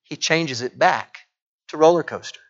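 A pastor preaches a sermon, telling personal stories and posing rhetorical questions to his congregation in a conversational way. This native English speaker has a fairly high voice and talks at a normal speed, captured on a dull lo-fi recording.

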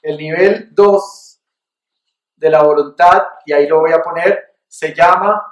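High-voiced male pastor in an echoey room. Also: distant mic. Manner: earnest, reflective storytelling, slow emphatic phrasing when teaching. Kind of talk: sermon, personal testimony then teaching.

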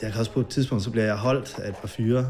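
A man's voice: lowish voice, fairly even intonation, a little mellow. A man recounting a past night in a documentary interview, hesitant and full of fillers.

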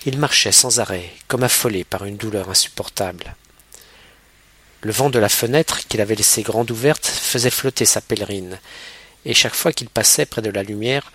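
Low, bright, husky male narrator. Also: no room sound. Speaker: audiobook narrator. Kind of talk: literary audiobook narration.

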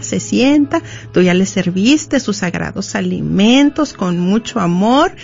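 A woman's voice: mid-range voice, breathy edge. Woman giving a pastoral marriage talk. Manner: conversational, acts out little scenes. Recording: dull lo-fi sound with faint music.

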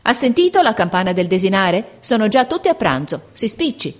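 A woman's voice: medium pitch, very animated, moderate pace. A woman reading aloud, voicing a curt, imperious female household servant who scolds and hurries a girl along. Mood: bossy.

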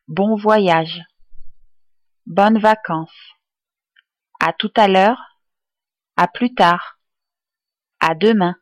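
A woman tutor reading useful phrases aloud for learners, enunciating each one clearly and deliberately. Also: mid-range voice, no room sound, lo-fi sound. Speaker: language tutor.

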